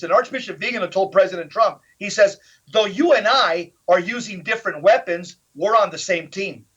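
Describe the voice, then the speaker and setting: A man with a notably high voice talks emphatically as an interview guest, hammering points home with rhetorical questions. The recording is slightly dull and lo-fi. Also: fairly bright tone. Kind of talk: animated political interview talk.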